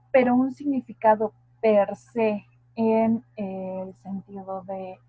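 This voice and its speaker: A woman with a Mexican Spanish accent teaches linguistics in an online lesson, pausing to put rhetorical questions to her students. Her voice is husky and slightly breathy. The sound is dry and narrow, like a phone line. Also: a little high, no echo. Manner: explanatory, asks the class rhetorical questions. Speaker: linguistics tutor. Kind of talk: online lecture.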